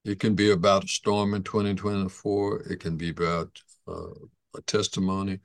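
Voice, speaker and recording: A pastor leading a church Bible study with a very low voice, easygoing and inviting. His voice sounds close and dry, with little room sound. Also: lively intonation, moderate pace, no room sound. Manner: easygoing, invites the group to speak.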